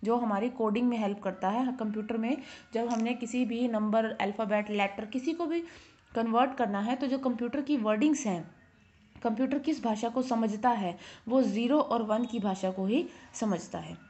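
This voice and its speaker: A woman's voice: fairly high pitch, darkish tone. Hindi-speaking woman teaching a class. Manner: explains in Hindi, reads English lines slowly, asks and answers her own questions. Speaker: school teacher. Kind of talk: classroom lesson. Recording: dull lo-fi recording.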